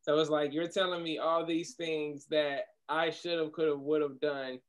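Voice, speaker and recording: A man's voice: on the high side, flat delivery, normal speed. A man in a relationship talk show, frankly complaining about feedback at work. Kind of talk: casual chat.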